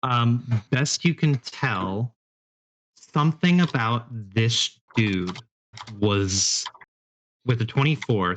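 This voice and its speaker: A man running a tabletop game as game master, giving rulings in a relaxed, matter-of-fact way. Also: lowish voice, slight background noise.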